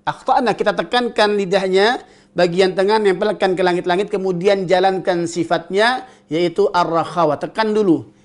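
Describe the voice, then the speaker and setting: A man with an Indonesian accent teaching Quran recitation, explaining letter sounds and reciting drawn-out examples. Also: sits high. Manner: slow, deliberate, demonstrates sounds and recites drawn-out verses. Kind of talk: tajweed lesson with recited examples.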